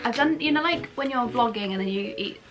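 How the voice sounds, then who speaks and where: A woman's voice: fairly high pitch, expressive, fairly quick. Bubbly young woman guest chatting. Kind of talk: casual chat while eating.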